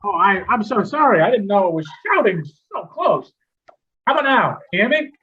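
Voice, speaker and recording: An actor playing a flustered, old-fashioned dad in a comedy sketch, stammering and drifting off topic. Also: male voice, high-pitched, very animated, normal speed, narrow, tinny audio. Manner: flustered, easily sidetracked, stammering. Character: rambling old-fashioned middle-aged dad. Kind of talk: amateur comedy sketch acting.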